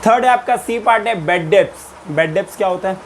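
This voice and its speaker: Guy teaching accounts, kinda high voice, asks then answers his own questions. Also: quick pace, slight background noise. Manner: explains in Hindi mixed with English terms, repeats and quizzes. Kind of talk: recorded lecture.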